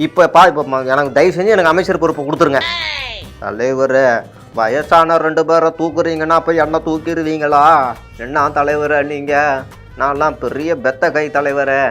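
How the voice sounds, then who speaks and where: Guy doing a loud whiny party loyalist, keeps begging the boss then cursing him. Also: a little high, close to an everyday voice. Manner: pleading then cursing, repeats "leader". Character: aggrieved middle-aged male party loyalist.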